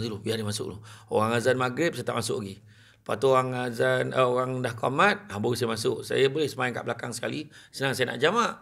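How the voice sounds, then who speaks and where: A Malaysian man, a preacher, telling funny stories to a live audience in a chatty, animated way, often laughing as he talks. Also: mid-range voice, gravelly. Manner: animated, chatty storyteller who often laughs while talking. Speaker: Islamic preacher. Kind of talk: humorous storytelling talk to a live audience.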